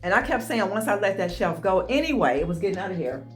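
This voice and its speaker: A woman vlogging from her home office, chatty and excited, calling her viewers "y'all". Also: mid-range voice, fast, soft background music. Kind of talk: casual chat.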